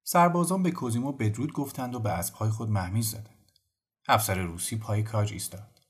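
A man calmly narrating a bedtime audiobook story. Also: lowish voice. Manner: calm, measured narration. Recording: faint music behind.

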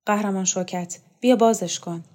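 A woman voicing a weary, secretive woman who speaks softly and tiredly in a read-aloud novel. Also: medium pitch, close to an everyday voice. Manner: soft, hushed, tired.

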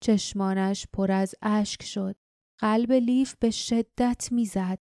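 Woman narrating an audiobook in a mellow voice. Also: medium pitch, no echo, studio quality. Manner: steady, measured storytelling.

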